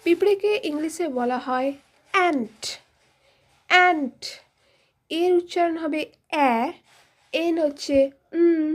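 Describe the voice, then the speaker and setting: A woman, a teacher hosting a children's English lesson. She speaks directly to the kids in a friendly way, spelling words letter by letter and repeating them slowly. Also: extremely high pitch, dark tone. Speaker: teacher and channel host.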